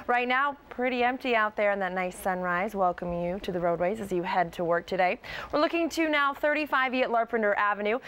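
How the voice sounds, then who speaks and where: A woman reporting morning traffic on live TV news in a brisk, upbeat, chatty broadcast manner. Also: mid-range voice, a bit bright.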